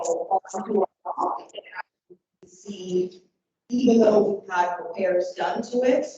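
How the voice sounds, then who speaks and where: A woman's voice: fairly low pitch, a little mellow. Woman on a garbled, echoey call line. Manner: halting, with many ums and uhs. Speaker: harbor staff presenting a budget. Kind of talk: presenting at a public meeting. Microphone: remote call. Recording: echoey, distant, muffled, noisy call line.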